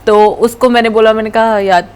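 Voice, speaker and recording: A woman guest in a casual interview, speaking with a tinge, lively and laughing often, mixing in English. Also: fairly high pitch, a little fast, smooth. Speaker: interview guest, fashion influencer.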